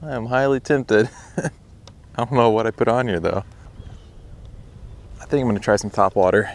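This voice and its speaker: By a pond on a windy day, a young adult fishing vlogger from the United States talks to camera in an easygoing, informal manner. His voice is mid-range and his speed normal.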